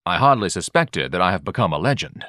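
A man's voice: low voice, big pitch swings, fast, sharp tone, no room sound, studio quality, heavily acted. A man voicing a pompous, fussy male hot-dog vendor who speaks in a lofty, disdainful way.

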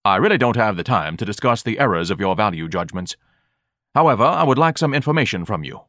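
A man's voice: lowish voice, lively intonation, fast, fairly bright tone, no echo, studio quality. A man playing a pompous, haughty vendor. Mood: indignant. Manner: grandiloquent, lofty and disdainful. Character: pompous fat male hot-dog vendor, haughty and fussy.

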